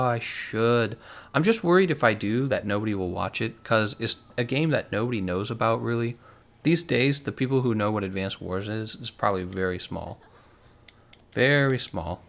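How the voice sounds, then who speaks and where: A man casually chatting on a live game stream, reading out and answering viewer comments in a relaxed, chatty way. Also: fairly low pitch, gravelly.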